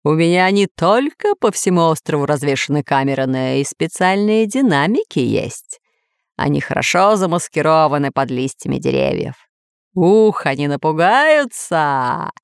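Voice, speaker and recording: A woman's voice: deep voice, lively intonation, moderate pace, creaky, clean tone, no echo, clean studio sound. A woman voicing a scheming, bad-tempered villain lord who growls and gloats. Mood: gloating.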